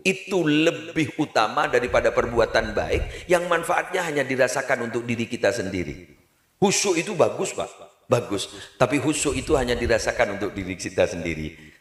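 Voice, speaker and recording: Animated preacher, echoey. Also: male voice. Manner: animated storytelling with sudden high-pitched shouts and laughter. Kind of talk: humorous sermon. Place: evening public religious gathering at a home.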